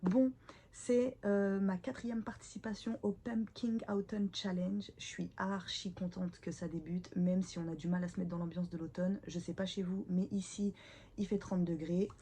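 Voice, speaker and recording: A woman with a hoarse, stuffed-up voice from a cold, chatting casually to camera in a self-deprecating, slightly awkward book vlog at home. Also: lowish voice, steady tone, normal speed, dark tone, a little hiss or hum. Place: at home, indoors.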